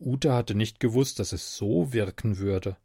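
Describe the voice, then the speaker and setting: A man reading a story aloud in a slow, expressive way. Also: on the low side, creaky, husky, no echo, clean studio sound.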